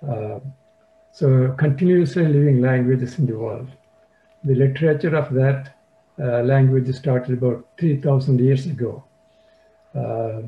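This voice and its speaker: An older man from India with a Tamil-influenced English accent, a poet talking casually on a video call, hesitant and full of fillers and restarts. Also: mid-range voice. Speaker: poet sharing his work. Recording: dull lo-fi video call audio.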